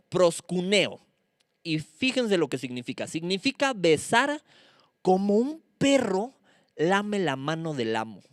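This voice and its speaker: A woman's voice: on the low side, dry recording. Woman teaching Bible study, dry sound. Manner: spells out Greek words slowly, sometimes loses her word. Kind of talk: conversational Bible study talk.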